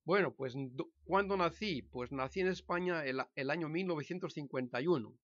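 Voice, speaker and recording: A Spanish man in his sixties tells his life story in a casual monologue to camera, speaking hesitantly with frequent restarts and self-corrections. His voice sits on the high side with a fairly bright tone, and the audio is dull with no echo.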